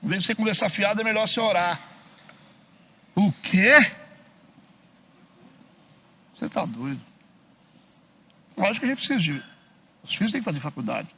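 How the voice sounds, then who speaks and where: A middle-aged Brazilian pastor preaches in a loose, conversational way, mimicking the people he quotes and checking in with the congregation over and over. His voice is high and bright with a husky edge. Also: very animated, fast, long pauses. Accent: Brazilian Portuguese. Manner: acts out quoted churchgoers in mocking voices; frequent tag questions to the congregation. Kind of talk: conversational sermon. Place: church hall.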